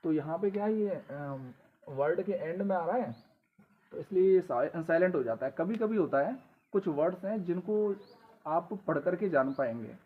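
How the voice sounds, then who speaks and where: Male teacher, patient repetitive delivery, slightly high pitch, phone-quality recording. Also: lively intonation. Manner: explains slowly, repeating rules with question prompts. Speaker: English teacher. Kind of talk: classroom-style lesson. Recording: tinny phone-like audio with faint noise.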